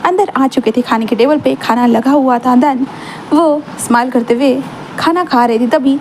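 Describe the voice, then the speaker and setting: A woman's voice: sits high, moderate pace, darkish tone, slight background noise, low-quality recording. A woman casually narrating a fan fiction story, rambling and mixing in English words.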